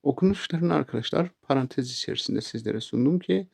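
A man teaching a language lesson, saying English phrases slowly and clearly and then giving their meanings. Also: medium pitch, expressive, darkish tone.

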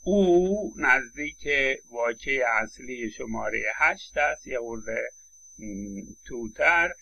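Bright-voiced man lecturing on phonetics. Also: medium pitch, lively intonation, vocal fry, poor audio. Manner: explanatory, with frequent hesitation fillers; models vowel sounds and example words aloud. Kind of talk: university lecture.

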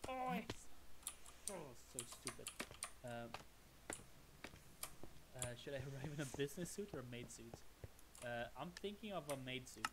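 Low-voiced excitable woman gamer. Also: normal speed, pauses often, noisy background. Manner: excitable, self-mocking exclamations. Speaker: gameplay streamer. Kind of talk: casual gameplay commentary.

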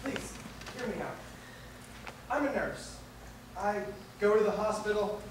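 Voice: medium pitch, animated, a little slow, close to an everyday voice. An actor plays an awkward nurse who rambles nervously while confessing love. The voice comes from far away in a very echoey theatre, with faint room noise behind. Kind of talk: stage play acting. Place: theatre stage.

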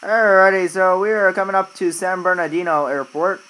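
A man's voice: high-pitched, fairly even intonation, normal speed, bright, forceful tone, rough recording. A man chatting informally to his viewers as he gives casual commentary on a flight simulator game. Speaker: video host, flight simulator player.

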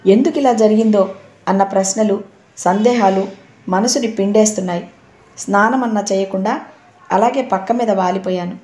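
A woman reads a story aloud at a medium pitch, and her voice rings in a roomy, echoey space. She gives the characters' dialogue small shifts of voice while keeping to steady narration. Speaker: audiobook narrator.

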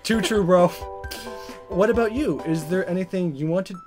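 A man with a high-sitting voice reads a visual novel aloud at a moderate pace, playing it up dramatically and tossing in jokes. He's animated, chuckling, and keeps stumbling over the text while game music plays behind him.

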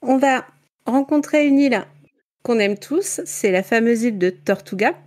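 A woman's voice: fairly high pitch, moderate pace, darkish tone. A woman talking casually in a book club, presenting a novel with many fillers and frequent laughter.

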